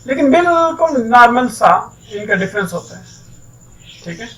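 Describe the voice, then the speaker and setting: A man teaches English in a recorded online lecture, his voice sitting on the high side. He sounds set back from the microphone. He explains patiently and keeps mixing English phrases into his talk. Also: lively intonation, normal speed, a bit bright, recorded from a distance, low-quality recording. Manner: explains step by step, keeps saying "ठीक है".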